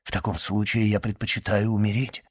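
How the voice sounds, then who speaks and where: A man reading an audiobook and voicing a resolute young man in love, speaking low and solemnly. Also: level tone, a little fast, breathy edge, no room sound, studio quality. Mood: grave. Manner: low, earnest, solemn vows.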